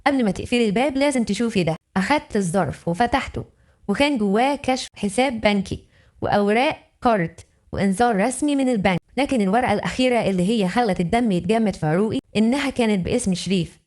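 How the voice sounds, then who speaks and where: A woman's voice: medium pitch, fast talker, darkish tone. A woman with an Egyptian accent narrating a dramatic first-person story in an emotional, intimate way. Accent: Egyptian Arabic.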